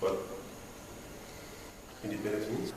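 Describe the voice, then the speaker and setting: A man's voice: fairly low pitch, fairly even intonation, slow pace. Rambling young man. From Papua New Guinea. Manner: loose, rambling phrasing. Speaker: student interviewee. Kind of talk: casual interview answers. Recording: echoey, distant mic, background noise.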